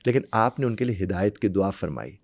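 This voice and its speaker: A man's voice: low-pitched, expressive, fairly quick, darkish tone, no room sound. A man giving an interview as a guest expert, explaining earnestly and repeating example words. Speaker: English language guest expert.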